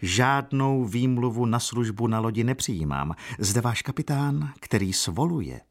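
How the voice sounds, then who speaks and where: A man's voice: mid-range voice, animated, voice pushed up. A man reading aloud and voicing a proud, flirtatious noblewoman who gives gracious commands in a storybook. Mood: coquettish.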